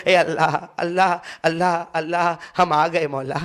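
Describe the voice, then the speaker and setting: A man's voice: a little high, fairly even intonation, a bit bright, clear, resonant tone. A man leading an emotional supplication in a mosque, pleading and repeating the same refrains again and again. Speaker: prayer leader.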